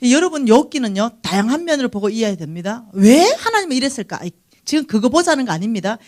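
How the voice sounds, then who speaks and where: A woman preaching at a seminar, acting out the dialogue in her story with lively energy. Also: fairly high pitch, fast. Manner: animated, acts out dialogue. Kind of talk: seminar sermon. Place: seminar hall.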